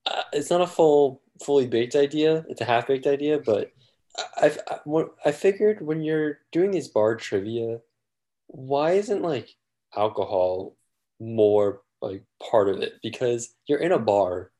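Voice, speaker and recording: Regular guy on a podcast, mid-pitch voice, kinda stumbly, lots of "like" and restarts. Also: a little slow, dark tone. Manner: hesitant, many restarts and fillers. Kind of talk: casual podcast chat.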